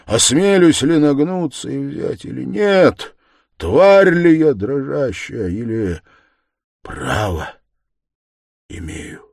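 A man's voice: mid-range voice, sing-song, takes it slowly, gravelly, a little mellow, dry recording, studio quality, pitched above the performer's own voice, exaggerated voice. A male audiobook reader voicing a tormented, feverish young man who argues in agitated, bitter outbursts. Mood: feverish confession. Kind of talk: audiobook character voice.

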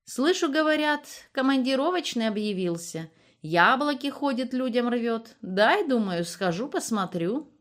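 A woman's voice: fairly high pitch, lively intonation, unhurried, pitched above the performer's own voice. A woman voicing a nosy, cheeky young village nurse who talks chattily and coquettishly. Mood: chatty, prying.

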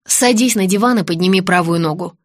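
A woman's voice: lowish voice, fairly quick, dry recording, studio quality, natural voice. A woman reading an audiobook, voicing a bossy, sarcastic businessman who mocks and gives orders. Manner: mocking, commanding. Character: businessman friend, adult man, sarcastic and bossy.

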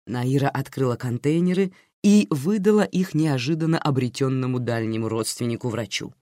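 A woman narrating an audiobook with lively storytelling intonation. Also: a bass voice, moderate pace, dry recording, clean studio sound. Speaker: audiobook reader.

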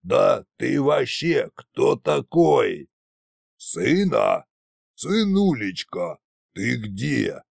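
A man voicing a drunken, bewildered older tsar who talks slowly and muddled in an audiobook. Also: mid-range voice, sing-song, gravelly, husky, dry recording, studio quality, heavily acted. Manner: slurred, muddled, slow. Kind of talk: audiobook character voice.

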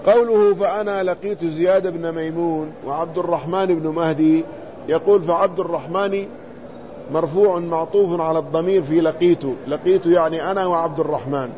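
A man teaching a classical hadith commentary, reading the text aloud and explaining it in a measured, deliberate way, carefully spelling out letters and vowels. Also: fairly high pitch, steady tone, mellow, highs cut off, slight background noise.

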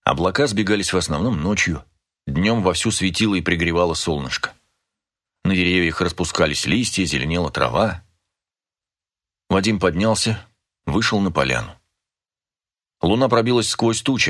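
A man narrates an audiobook in a measured, even reading. His voice sits low. The delivery is steady and scripted.

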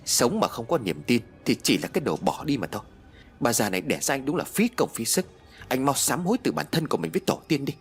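A man voicing a harsh, domineering old mother-in-law who scolds and shouts in an audiobook. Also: mid-range voice, very animated, quick pace, breathy edge. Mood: furious scolding. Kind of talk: audiobook character voice.

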